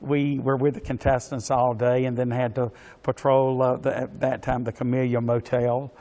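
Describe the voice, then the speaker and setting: A man, giving courteous, formal interview answers haltingly, with many pauses and repeated words. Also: medium pitch, flat delivery, dark tone. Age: 60s. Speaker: interview guest, pageant organization official. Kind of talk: polite spoken interview answers.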